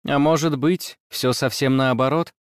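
A man narrating a first-person story in a measured, even reading. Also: medium pitch, clean tone, no room sound, studio quality.

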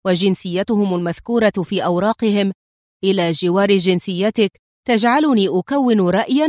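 A woman reading an angry, chain-smoking male police inspector in an audiobook, with a sharp, scolding manner. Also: high voice, dry recording, clean studio sound, natural voice.

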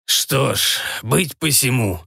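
A man's voice: medium pitch, expressive, slow, vocal fry, bright, forceful tone, breathy edge, dry recording, clean studio sound, full character voice. A man reading an audiobook and voicing a grey-haired old tsar who speaks curt and decisive.

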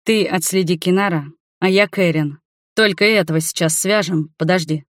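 A woman voicing a stern, protective young male water mage who speaks slowly and low. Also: dry recording, clean studio sound, natural voice. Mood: calm. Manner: slow, low and threatening.

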